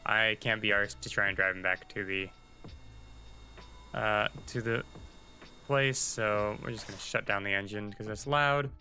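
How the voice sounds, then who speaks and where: Bright-voiced man chatting through a game. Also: on the low side, fairly even intonation, a little slow, long pauses, poor audio. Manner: chatty, thinking aloud, muttering asides to himself. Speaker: livestreaming gamer. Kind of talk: casual gameplay commentary.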